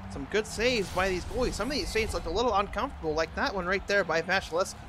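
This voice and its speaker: Over music, a man with a high-sitting voice talks fast, calling a hockey game in clipped little phrases as an amateur announcer impression. The recording is clearly noisy, with ambient sound in the background.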